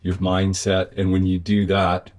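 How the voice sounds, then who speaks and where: A man's voice: low-pitched, completely flat delivery, a little slow, darkish tone. A man speaking as an interview guest in a reflective, conversational way, thoughtful and often searching for his words. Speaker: interview guest, business owner.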